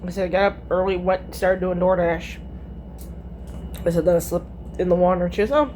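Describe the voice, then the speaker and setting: A woman's voice: on the low side, steady tone, a little fast, dark tone, slight background noise. Blunt, chatty middle-aged woman. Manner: chatty, retells conversations with many "I said, she goes"; blunt, swears freely. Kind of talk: casual storytelling.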